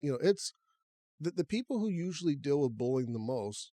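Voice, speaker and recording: A man's voice: fairly high pitch, brisk, dry recording, clean studio sound. A man co-hosting a podcast, chatting casually and thinking aloud as he talks. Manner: relaxed, conversational, talks through restarts. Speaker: podcast co-host.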